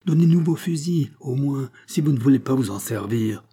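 A man's voice: medium pitch, lively intonation, normal speed, breathy edge, pitched above the performer's own voice. Man voicing Billaud, a fiery farmer. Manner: loud, fiery, commanding shouts. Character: hot-tempered male farmer rousing a crowd.

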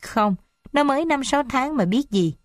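A woman's voice: sits high, expressive, normal speed, dry recording, studio quality, voice pushed up. A woman voicing a humble, principled poor young man in a read-aloud story, speaking earnestly and formally. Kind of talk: audiobook character reading.

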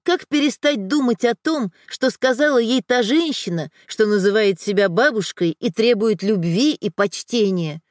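Brief: woman narrator, higher lively voice, emotive audiobook reading, dry close sound. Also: moderate pace, few pauses, no echo.

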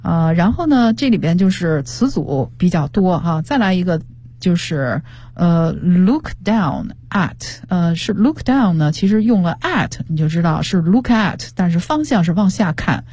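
A woman's voice: fairly low pitch, sing-song, unhurried, dark tone, breathy edge, no room sound. A woman guest teacher on a radio show, explaining English words and pronunciation with example sentences. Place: radio studio. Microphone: studio microphone.

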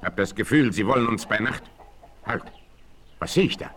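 An actor playing a bold, commanding frontier hero in a 1960s German radio play, declaiming with resolve. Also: male voice, lowish voice, lively intonation, moderate pace, a crowd in the background, lightly acted. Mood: tense, watchful. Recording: 1968 vinyl radio play, noisy.

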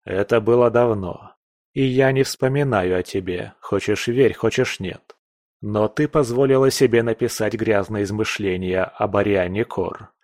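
A man's voice: on the low side, unhurried, darkish tone, no room sound, studio quality. A man voicing a stern aristocratic lord in an audiobook, curt and threatening. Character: stern, cold aristocratic male lord and newspaper owner. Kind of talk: audiobook character voice.

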